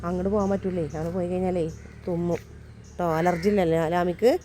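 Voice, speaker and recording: A woman with a Malayali accent, chatting casually in a family vlog and teasing her child, her voice rough from a lasting cold. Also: fairly low pitch, flat delivery, fast, dark tone, slight background noise. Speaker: vlogger, mother. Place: outdoors.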